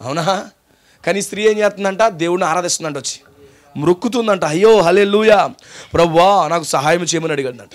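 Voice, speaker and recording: Briskly, the Telugu-accented pastor delivers his sermon in a high, ringing voice. Through waves of rhetorical questions and call-and-response, he retells the story and pushes the lesson home to those gathered.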